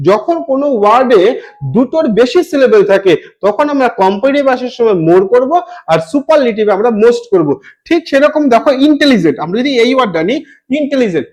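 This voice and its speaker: A man's voice: extremely high pitch, a little mellow. A young man teaching an exam-prep grammar lesson, repeating each rule and spelling words out letter by letter. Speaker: English teacher.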